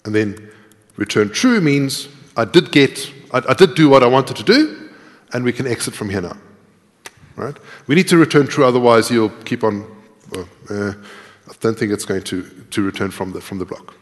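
Thinking aloud and explaining as he types, a middle-aged man presents a live coding lecture at a conference. His mid-range voice has lively intonation and a normal speed. The recording carries the long reverb of a large tiered lecture hall.

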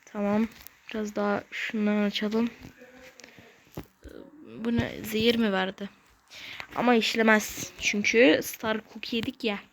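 A woman hosting a gaming channel, giving casual let's-play commentary in short, excitable bursts with slangy exclamations and mild curses. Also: mid-range voice, a little slow, vocal fry, pauses often, slight background noise. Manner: talks to self while playing, short bursts.

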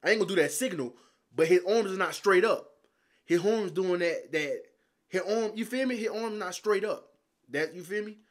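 Excitable young man reacting to basketball. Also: sits high, moderate pace. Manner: excitable, profane, talks straight to viewers. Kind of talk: casual reaction commentary.

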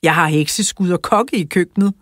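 A woman's voice: lowish voice, no room sound, studio quality, close to an everyday voice. A woman voicing a cheerful grown woman laid up with a sore back, in a children's audiobook. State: in pain from her back.

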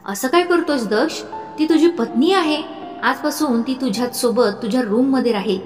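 A woman plays an older mother figure in an audiobook story, coaxing and firm by turns. The delivery is slow and deliberate. The voice echoes in a reverberant room with faint music underneath. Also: high voice, pitched above the performer's own voice, natural voice. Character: older mother figure, fond but insistent. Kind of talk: audiobook narration.

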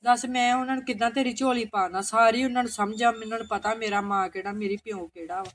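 A woman's voice: on the high side, steady tone, quick pace, close to an everyday voice. A woman playing a poor village mother of twin sons who fusses over her sister-in-law and firmly refuses her. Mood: refusing. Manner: fussing, exclaiming, firm.

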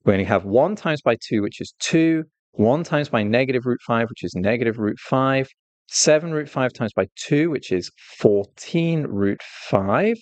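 A man tutoring exam math, walking through each step patiently and checking understanding with a quick "right?". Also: mid-range voice, expressive, no echo. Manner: patient, explains step by step while drawing; stresses key points with "right?". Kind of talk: exam walkthrough lesson.

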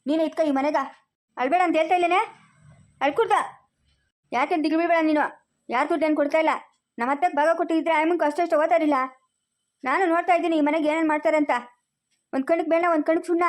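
A woman with a very high voice argues insistently and very fast. She plays a son who defends his wife in an amateur family drama. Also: fairly even intonation. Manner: insistent, argumentative.

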